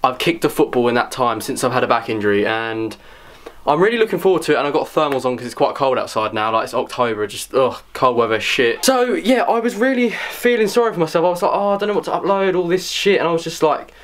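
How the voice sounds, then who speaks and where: A man's voice: medium pitch, animated, fast, a bit bright. A young man, chatting casually to camera in a sweary, rambling, self-mocking way, at times out of breath. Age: young adult. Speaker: vlogger. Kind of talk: casual vlog chat.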